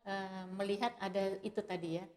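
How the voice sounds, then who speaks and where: Woman activist being interviewed, middle pitch, measured, lots of little eh pauses. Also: flat delivery, darkish tone. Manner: measured, with frequent "eh" fillers and "nah" openers. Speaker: guest, women's rights activist. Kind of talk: conversational interview answers.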